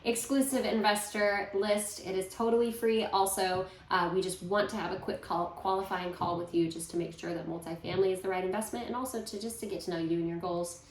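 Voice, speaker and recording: A woman's voice: medium pitch, fairly even intonation, brisk, hardly any pauses, slight background noise. A woman co-hosting an investing podcast, chatting casually and playfully. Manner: chatty, playful, self-aware. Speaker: podcast co-host. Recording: roomy echo.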